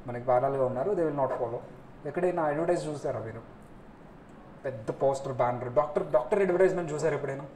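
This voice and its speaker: A male teacher lectures a class, pausing to ask his students questions and acting out short scenes. His voice sits a little high. The room is echoey, with faint noise in the background. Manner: lively, asks students questions, acts out scolding scenes.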